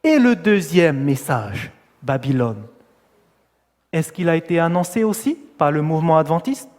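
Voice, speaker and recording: A man's voice: on the high side, very animated, normal speed, a little mellow, long reverb tail. A man preaching a sermon, putting questions to his listeners and stressing key words as he answers them. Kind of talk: sermon teaching.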